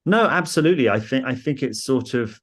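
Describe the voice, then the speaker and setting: A man with a posh home counties accent from England, who works for a football club, tells stories as an interview guest in a casual, rambling way. He's enthusiastic and self-deprecating, with a medium-pitched, fairly bright voice that's animated and brisk.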